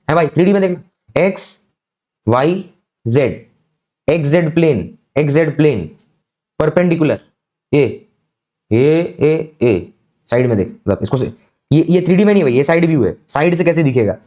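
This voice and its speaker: A man giving a physics lecture, explaining slowly and deliberately and often checking that students follow. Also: on the high side, warm tone. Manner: slow, deliberate explaining with frequent check-ins. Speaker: physics teacher.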